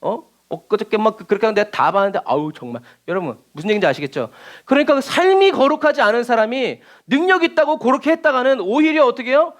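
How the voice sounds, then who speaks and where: A man's voice: very high voice, big pitch swings, fast, hardly any pauses, a bit bright. A male pastor giving a sermon at a prayer meeting in church, emphatic and full of rhetorical questions.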